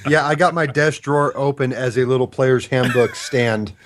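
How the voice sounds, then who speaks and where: A man's voice: medium pitch, fairly even intonation, normal speed. Male gamer over faint noise. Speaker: player in a tabletop game. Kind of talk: casual game chat. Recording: faint background noise, clicks.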